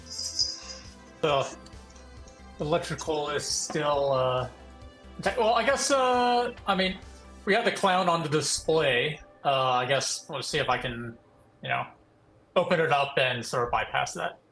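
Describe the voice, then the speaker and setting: A man's voice: a little high, expressive, a little slow, long pauses, fairly bright tone. A man talking casually as a player in a tabletop game, tentatively thinking aloud. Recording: music behind the voice.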